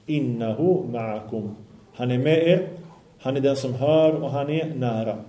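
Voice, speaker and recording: A man's voice: medium pitch, warm tone. A man giving an Islamic study lesson, reciting Arabic passages, translating and explaining them, and asking his listeners questions. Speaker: religious teacher. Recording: echoey room.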